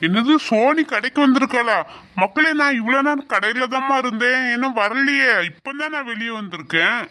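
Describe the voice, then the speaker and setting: Guy doing a calm dad, gentle, high bright voice. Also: moderate pace. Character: middle-aged father, calm and affectionate.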